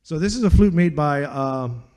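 Chatty older man, mellow voice. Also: fairly high pitch, expressive, normal speed, smooth. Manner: rambling, chatty, quotes people with dude and man. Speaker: flutist. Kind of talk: casual storytelling.

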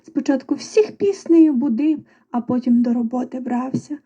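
A woman reading a folk tale aloud to children in a lively, expressive storybook manner. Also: sits high, normal speed, breathy edge, highs cut off.

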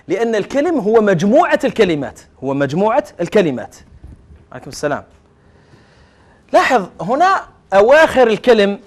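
A middle-aged man with an Algerian accent teaches Arabic grammar in a classroom full of students. His voice sits high and moves across a very wide, animated range. He slides between formal Arabic and dialect and keeps questioning the class before he answers himself. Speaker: Arabic language lecturer. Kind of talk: classroom lecture.

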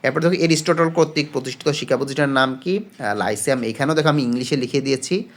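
A man talks students through exam questions in a relaxed spoken lesson. His voice sits at an ordinary middle pitch, and he pauses often on fillers. He keeps posing questions and answering them himself. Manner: explains patiently, asks and answers own questions; frequent hesitation fillers. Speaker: exam-prep tutor.

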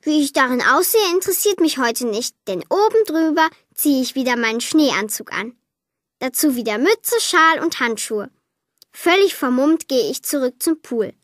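A woman reading a children's Christmas story aloud, lively and lightly voicing the girl and her parents. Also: high voice, normal speed, dry recording, clean studio sound. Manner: lively, voices the child, mother and father lightly.

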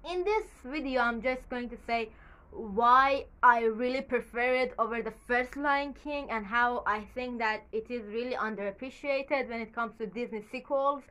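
Her voice is on the high side, smooth yet sharp in tone, and she speaks at a moderate pace. The young woman, whose first language is Farsi, is a YouTuber talking about movies from a small bedroom, recorded on a camera at desk distance. She chats in a loose, rambling way full of fillers, with a touch of nervousness.

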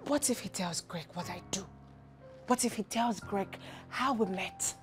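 A woman with a Nigerian accent playing a proud, indignant young woman in a film drama, speaking with deliberate weight. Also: medium pitch, close to an everyday voice. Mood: anxious. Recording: music bed behind dialogue.

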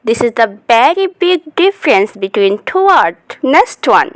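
A woman, a Bengali speaker, giving a pronunciation lesson in a vlog, mixing Bengali and English and repeating each model word slowly. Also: a little high, sing-song, dry recording.

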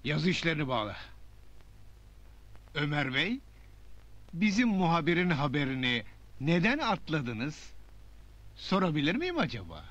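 A man acting a proud, excitable older newspaper owner in a comedy film. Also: on the high side, unhurried, long pauses, muffled recording, full character voice. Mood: baffled, indignant. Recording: faintly noisy old film soundtrack.

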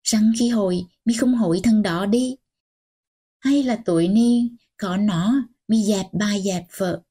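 Woman narrator voicing a strict old grandmother, scolding, slow and mellow, audiobook. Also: medium pitch, husky. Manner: scolding, sharp and commanding.

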